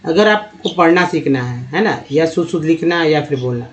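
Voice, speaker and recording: A man teaching English pronunciation, sounding out words slowly and explaining each vowel sound. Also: on the high side, animated. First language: Hindi. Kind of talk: spoken pronunciation lesson.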